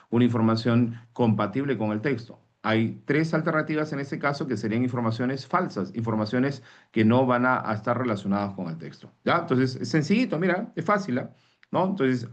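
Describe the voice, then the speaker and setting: A male teacher from Peru giving an online reading class, explaining step by step and often asking himself "what?" before he answers. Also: mid-range voice. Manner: explains step by step, asks himself rhetorical questions; tags lines with "¿no?" and "mis estimados". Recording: dull lo-fi sound.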